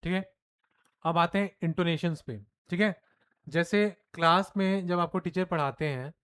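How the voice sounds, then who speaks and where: Hindi-speaking male teacher, question-and-answer lecture. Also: sits high. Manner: lively, mixes Hindi and English, asks and answers his own questions. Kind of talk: classroom lecture.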